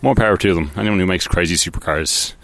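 A man with a very deep, low voice chats loosely through a solo podcast. He wanders and hesitates, filling gaps with ums and false starts, and often makes light of himself. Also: quick pace, a bit bright. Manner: rambling, hesitant, many ums and restarts; offhand and self-deprecating. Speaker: podcast host. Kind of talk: casual solo podcast about cars.

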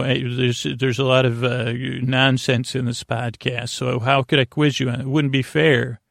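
A sleep podcast host with a creaky, medium-pitched voice rambles through a bedtime monologue meant to help listeners drift off. He's soothing, lulling and a bit goofy, stammering, halting and trailing into tangents. The recording is clean studio sound with no echo.

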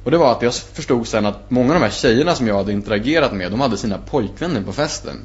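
A man talking as a podcast guest in a casual storytelling style, animated and acting out his own past reactions. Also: mid-range voice. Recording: muffled lo-fi with faint hum.

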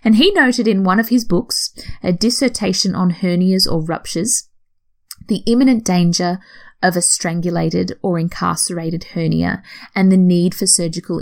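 Gravelly-voiced woman explaining history. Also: lowish voice. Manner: explanatory, conversational, self-correcting. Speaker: podcast host. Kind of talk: educational talk.

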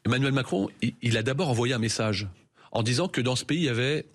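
A man arguing his point on a debate show in a mid-pitched voice. He is earnest and steady, with only the odd stumble. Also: quick pace, breathy edge.

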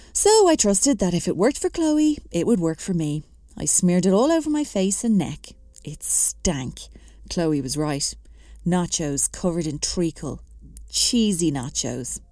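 A woman's voice: mid-range voice, dark tone, no echo, studio quality. A woman reading a memoir aloud with wry, self-mocking comic timing. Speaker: narrator.

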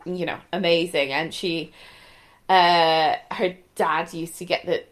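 A woman's voice: on the low side, steady tone, takes it slowly. A woman with a west of Ireland accent from Galway, chatting casually as co-host of a cookbook show. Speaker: podcast co-host reviewing cookbooks. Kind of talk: casual chat.

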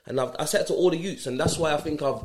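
A man's voice: a little high, quick pace. A man with a south London accent talking casually and earnestly in an interview, using street slang and repeating himself for emphasis. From south London, England. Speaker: interview guest, community mentor.

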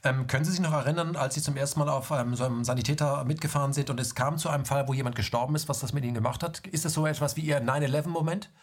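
A man's voice: medium pitch, rapid-fire, few pauses, husky. A man interviewing a doctor, asking probing, thoughtful questions.

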